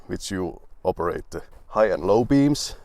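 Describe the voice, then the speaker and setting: A young man with a fairly low voice reviews an old car in a dry, wry way. He rambles through restarts and asides and grumbles about the quirks he finds. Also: expressive, a little slow, vocal fry, a little mellow, dry recording.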